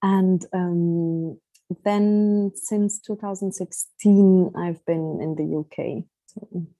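Woman, young adult, from Egypt and Germany, lecturer, interview guest, thoughtful, hesitant, warm dark tone, dry sound. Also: fairly low pitch, fairly even intonation, slow, no echo, low-quality recording. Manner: thoughtful, hesitant, with many fillers. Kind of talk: conversational interview.

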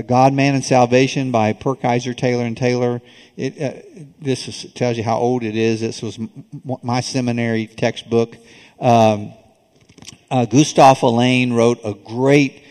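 An older man teaches a church group informally, with a halting, folksy, conversational delivery. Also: medium pitch, darkish tone. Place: auditorium, addressing an audience. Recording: reverberant auditorium, live recording.

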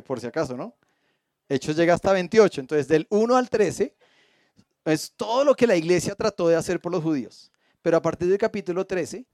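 High-voiced man teaching the Bible. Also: a little mellow, no echo, studio quality. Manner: asks the audience frequent questions; reads a passage aloud and stops to explain.

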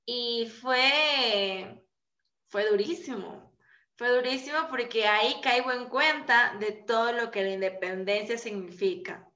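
A woman in her twenties telling her story in a casual podcast chat over a video call, animated and full of fillers. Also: on the high side, unhurried. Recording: echoey lo-fi call audio.

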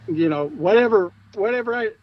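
A man's voice: high-pitched, expressive, a little fast, muffled recording. A man from Michigan talking casually about hunting gear, rambling and repeating words, laughing often. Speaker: podcast guest, coon hunter. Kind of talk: casual chat.

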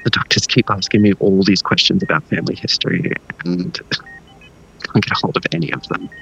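An actor playing an anxious, devoted, haunted man in an audio drama, earnest and worried, with a husky voice. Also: sits low, steady tone, fairly quick, fairly bright tone, dull audio, a little hiss or hum. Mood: worried, pleading.

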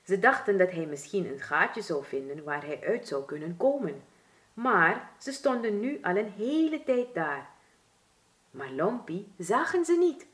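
A woman with a Surinamese Dutch accent reads a children's storybook aloud, taking her time over every sentence. Her voice swings lively up and down as she tells it. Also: mid-range voice. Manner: expressive, deliberate.

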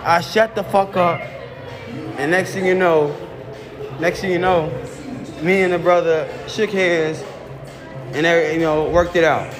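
High-voiced man. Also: steady tone, measured pace, pauses often, music in the background. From Chicago. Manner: profane, rambling storytelling. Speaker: show host. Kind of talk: casual monologue.

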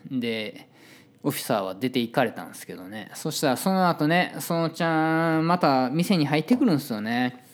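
A man with a Kansai Japanese accent telling a story in a casual, chatty monologue and acting out the voices of people he quotes. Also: medium pitch.

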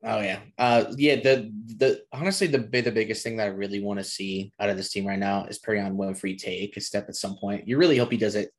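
A man's voice: fairly low pitch, steady tone, a little fast, few pauses. A man hosting a casual sports podcast, talking in a frustrated, rambling way with frequent restarts. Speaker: podcast host.

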